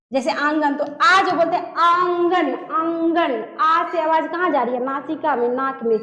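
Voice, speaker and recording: A woman teaches grammar in a high, clear voice, asking her class questions and answering them herself. She repeats each key term slowly. Her voice rings out with a long echo, as in a bare hall. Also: a bit bright. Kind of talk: classroom lesson. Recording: echoey room with long reverb.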